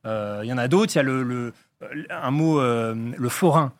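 A man's voice: mid-range voice, moderate pace. Hesitant man explaining word origins. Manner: hesitant, many "euh" fillers and restarts. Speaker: guest linguistics enthusiast. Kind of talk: casual explanatory chat.

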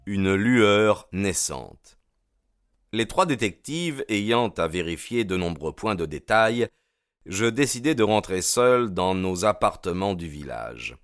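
Male audiobook narrator, measured literary delivery, very deep voice, dry close sound. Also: big pitch swings, fairly bright tone, no room sound. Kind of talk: scripted narration.

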